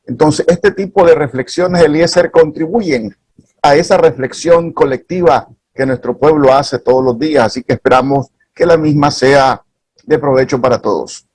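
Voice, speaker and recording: Male reverend, TV guest, calm didactic delivery, dry close sound. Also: on the high side, no echo. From Nicaragua. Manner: measured, formal, didactic. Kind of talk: TV talk show analysis.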